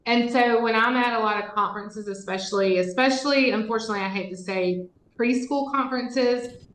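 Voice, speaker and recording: A woman's voice: on the high side, a little fast, fairly bright tone, reverberant, a little hiss or hum, poor audio. A woman giving a teacher training presentation in a conversational way, with frequent fillers. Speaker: literacy trainer.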